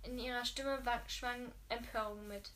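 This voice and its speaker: A woman's voice: on the high side, fairly even intonation, measured pace, fairly bright tone, a little hiss or hum. A woman reading a novel aloud, often stumbling and correcting herself mid-sentence. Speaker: reader.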